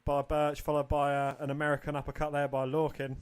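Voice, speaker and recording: Slightly high-voiced man calling moves. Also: monotone, fast, smooth. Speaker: podcast co-host. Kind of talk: wrestling commentary.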